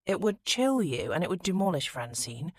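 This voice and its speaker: A woman voicing a charming, rakish young lord who teases playfully and drops into hushed, intimate tones. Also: fairly low pitch, sing-song, normal speed, dry recording, voice pushed up. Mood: insistent. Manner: teasing, turning hushed and intimate.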